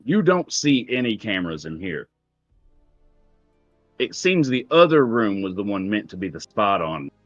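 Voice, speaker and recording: A man's voice: fairly low pitch, big pitch swings, a little slow, long pauses, no echo, dull audio. A man running a tabletop role-playing game as game master, narrating in a casual, conversational way. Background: music.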